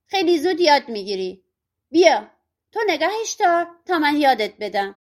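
A woman's voice: high voice, big pitch swings. A woman voicing the witch's naive young daughter, speaking in a bossy, coaxing way in a storybook reading.

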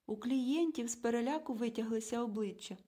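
A woman narrating a children's book in an expressive storytelling manner. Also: fairly high pitch, brisk. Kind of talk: audiobook narration.

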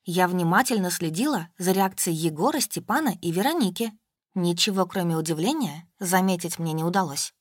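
A woman reading a novel aloud in a wry, even first-person telling. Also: lowish voice, fairly quick, breathy edge, no room sound, clean studio sound. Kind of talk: audiobook narration.

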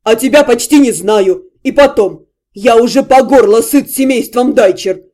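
A loud, indignant young nobleman who whines and protests, as a woman reading an audiobook puts him on. She pitches him a little below her own voice and pushes it louder. The tone stays mellow. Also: normal speed, lightly acted. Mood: outraged, whiny.

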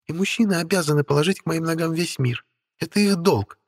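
A vain, imperious young witch who teases and orders everyone about, as a man narrator puts her on in a much higher, softer voice. The tone is dry and close, with a husky edge. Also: fairly quick, no room sound. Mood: haughty. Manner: haughty, imperious and teasing. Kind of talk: audiobook character voice.

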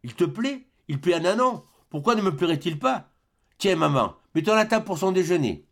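Brief: man doing a gentle anxious young woman, voice lifted, pleading storybook heroine. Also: sits high, big pitch swings, brisk, pitched above the performer's own voice, exaggerated voice. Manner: raised, pleading and emotional.

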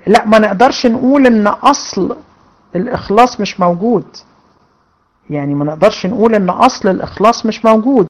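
A woman's voice: medium pitch, darkish tone, rough recording. Woman teacher, Egyptian Arabic accent, casual Q&A lesson, reads questions then chats through answers. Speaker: religion teacher.

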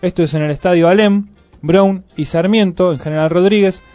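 On a community radio culture show, the Argentine-accented male host keeps things relaxed, reading event listings aloud in a conversational, chatty way. He speaks high-pitched and fairly quickly, with no echo and soft music in the background.

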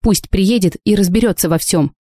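A woman voicing Natasha, a young woman who indignantly defends her friend, reading in a warm, close voice. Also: medium pitch, normal speed, no echo, lightly acted. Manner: indignant, sharp.

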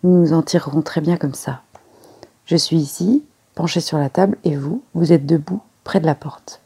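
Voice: mid-range voice, moderate pace, warm tone, slightly rough. A reader voicing a fussy, self-satisfied little male detective who coaxes and explains with precise, playful instructions. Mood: demonstrating. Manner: precise, coaxing, fond of little jokes.

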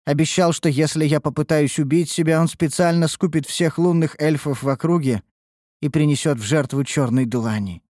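Man reading a maimed captive elf woman in an audiobook, mournful and weary, voice lifted higher, dry close sound. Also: moderate pace, darkish tone, no echo, close to an everyday voice. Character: broken, sorrowful captive female elf. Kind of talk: audiobook character voice.

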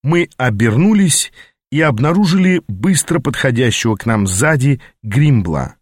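Male narrator, mid pitch, steady reading, dry booth sound. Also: unhurried, husky, dry recording. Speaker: audiobook narrator. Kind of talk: scripted narration.

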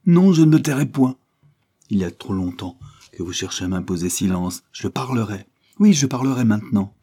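A man's voice: sits low, fairly even intonation, brisk, warm tone, breathy edge. A man reading an audiobook, voicing an indignant noblewoman who scorns her husband, speaking vehemently in a raised voice.

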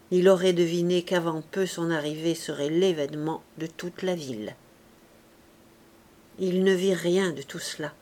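A woman narrating a classic novel as an audiobook reader, calm and measured. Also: fairly low pitch.

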